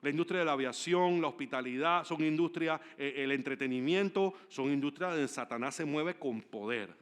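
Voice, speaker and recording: A man preaching a sermon as pastor, telling stories with animated emphasis and swinging between loud declarations and hushed asides. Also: on the high side, normal speed, clean tone. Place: church service.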